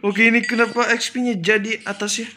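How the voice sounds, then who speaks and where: Brief: young male gaming YouTuber, high-pitched, chatty and excitable, loud game music behind him. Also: fairly quick. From Indonesia. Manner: excitable, chatty, frequent exclamations and giggles. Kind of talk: casual gameplay commentary. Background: game music and sound effects.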